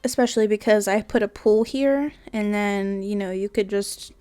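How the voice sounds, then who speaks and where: A woman talks loosely through her game build in a casual voice-over, wandering from thought to thought with plenty of fillers and half-finished asides. She sounds tired and a little sleepy, her voice sitting in an ordinary middle pitch. Faint music plays quietly behind her. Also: moderate pace, smooth. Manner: rambling, many fillers and trailing asides. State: tired, yawning.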